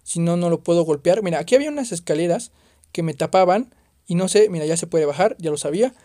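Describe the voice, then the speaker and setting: A man's voice: high-pitched, quick pace, no echo. Jumpy gamer man, dry sound. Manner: excitable, jumpy, swears and exclaims at scares. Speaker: gaming youtuber. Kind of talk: horror game let's play commentary.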